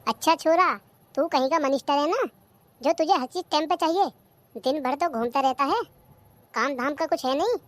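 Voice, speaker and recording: A woman's voice: normal speed, no echo, lightly acted. A performer voicing a bossy, nagging older mother-in-law in a cartoon comedy. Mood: taunting. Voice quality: shrill, nagging.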